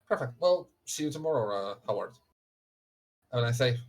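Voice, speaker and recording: Man playing a gentle, courteous older therapist. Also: mid-range voice, animated, normal speed, lightly acted. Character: male therapist in his fifties, gentle, helpful.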